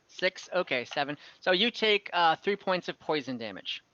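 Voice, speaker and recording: A game master runs an online tabletop game from a room over a voice call, improvising narration and often thinking aloud with hesitation. His medium-pitched, sharp-toned voice is expressive at a moderate pace, and the recording sounds muffled and echoey.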